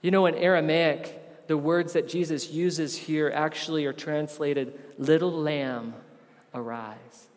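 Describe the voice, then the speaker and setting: A fairly high-voiced man preaching, his words trailing off in the long reverb of a big room. He swings between loud, pressing emphasis and hushed, tender asides. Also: fairly even intonation, measured pace. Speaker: pastor. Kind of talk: sermon.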